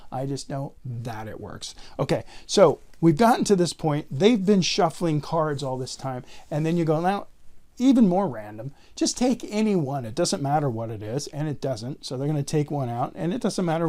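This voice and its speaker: A man's voice: on the high side, darkish tone. A man talking in casual card magician patter, explaining and counting aloud step by step like a tutorial presenter.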